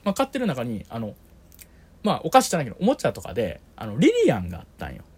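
A man in his thirties with a Kansai accent, chatting casually with his brother on a podcast as co-host, telling stories in an animated way and laughing often. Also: very fast, husky. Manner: animated storyteller, laughs often, lively rising pitch.

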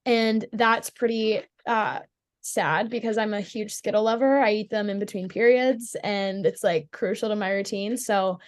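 A woman's voice: medium pitch, steady tone, moderate pace. A young woman from Pittsburgh, a college hockey player, chatting as a guest in a casual interview with a bubbly manner and plenty of "like" fillers. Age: young adult.

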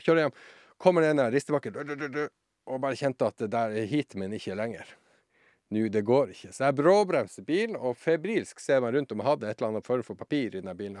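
Animated man telling a tale. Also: medium pitch, no echo, studio quality. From southern Norway. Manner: animated anecdote-teller, acts out voices and shouts. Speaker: guest. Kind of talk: casual storytelling.

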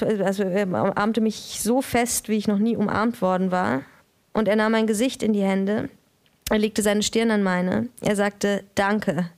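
A woman's voice: medium pitch, gravelly, darkish tone. A woman in her thirties, an author, reading her own novel aloud in a dry, matter-of-fact way and stopping now and then to correct herself. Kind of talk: literary reading and casual chat.

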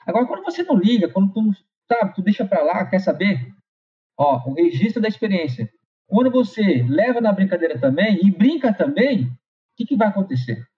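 Middle-aged paulista man, high voice, motivational speaker, casual repetitive delivery, lo-fi recording. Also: very animated, brisk. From São Paulo, Brazil. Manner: conversational, repeats phrases and tags with "né". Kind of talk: motivational talk with personal anecdote. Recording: slightly dull lo-fi recording.

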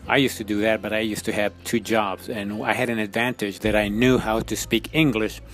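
A man with an Ecuadorian Spanish accent talks through his thoughts in a halting, casual way, often pausing on filler sounds. His voice sits a little low. Faint music plays softly behind him. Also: steady tone. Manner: hesitant, many ums and restarts. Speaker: podcast host. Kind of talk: casual spoken monologue. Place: United States.

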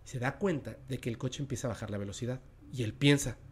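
A Mexican man tells an eerie tale in a relaxed podcast chat, with a dramatic, conversational delivery that leans into the suspense. His voice sits in an ordinary middle range. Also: medium pitch, fast, slight background noise. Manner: dramatic, drops to a hushed voice at tense moments. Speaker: podcast host and storyteller. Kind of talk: casual spooky storytelling.

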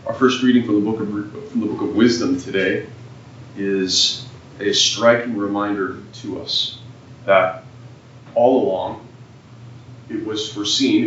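A man serving as priest, reading scripture and preaching at Mass in a slow, measured way, his voice ringing with cathedral echo in a large church. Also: on the low side, fairly bright tone. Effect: cathedral echo around the voice. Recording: echoey church from far off, dull and noisy.

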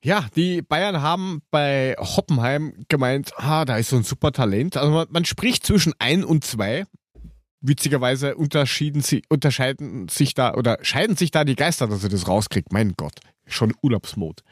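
A man with a mid-pitched voice, recorded dry without room sound. He co-hosts a casual football chat, retelling the news colloquially and dropping sardonic remarks. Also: expressive, moderate pace, no room sound. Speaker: co-host of a football talk show.

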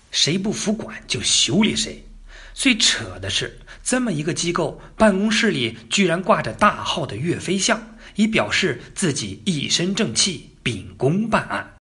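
A man's voice: fairly high pitch, bright, forceful tone. A man telling history as a casual story, colloquial and joking, with asides to the listener. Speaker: narrator.

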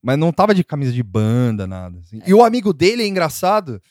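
A man's voice: fairly high pitch, very animated, fast, a little mellow, dry recording, clean studio sound. A man telling a story in a casual chat, rambling with many fillers and frequent laughs.

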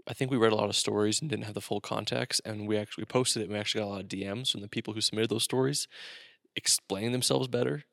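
Low, gravelly-voiced man co-hosting a podcast. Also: steady tone, fast, a bit bright, no echo, studio quality. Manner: joking, rambling with fillers. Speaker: podcast co-host. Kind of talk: casual chat.

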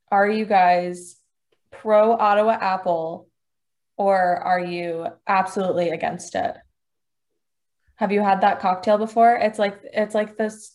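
A young woman co-hosting a casual chat, relaxed and full of fillers. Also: mid-range voice. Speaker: podcast co-host.

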